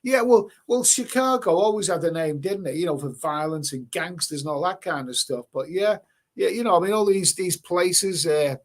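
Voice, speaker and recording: A man's voice: sits high, normal speed. A man hosting a casual live stream, reading out chat comments and rambling with many repeated words and casual swearing. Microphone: webcam stream mic.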